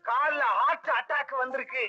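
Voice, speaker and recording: A man's voice: very high-pitched, steady tone, normal speed, sharp tone, lo-fi sound, full character voice. An actor playing a scheming man who swindles a moneylender with sob stories, in old film comedy dialogue. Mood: wheedling. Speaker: con man comic hero.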